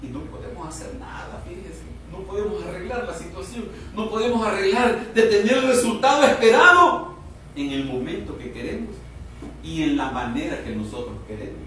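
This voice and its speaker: A man preaching a sermon, slow and emphatic, drawing out words and rising to sudden loud peaks. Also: high voice. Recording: echoey room, heard from far off.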